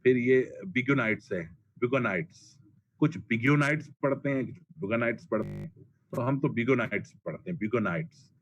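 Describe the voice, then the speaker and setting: A man's voice: mid-range voice, moderate pace. A man giving a pharmacology lecture, blunt and colloquial, repeating drug names for emphasis. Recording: dull lo-fi classroom recording, faint noise.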